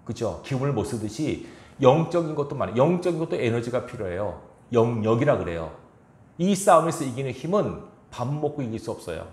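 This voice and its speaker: A medium-pitched male pastor, very animated and brisk, reads scripture in a church sanctuary with an echoey sound. He follows it by confronting the congregation with rhetorical questions.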